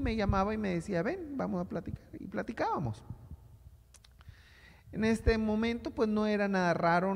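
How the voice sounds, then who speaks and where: A man with a northern Mexican accent preaching in an animated storytelling style, his voice notably high. A long, reverberant church echo hangs on every phrase. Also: vocal fry. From Hermosillo, Sonora, Mexico. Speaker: pastor. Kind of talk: storytelling sermon.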